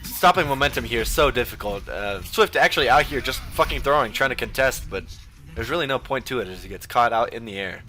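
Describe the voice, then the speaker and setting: A man giving casual, profane play-by-play of a video game match, full of ums and uhs, with sudden bursts of excitement. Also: medium pitch, brisk, slight background noise. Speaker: esports caster.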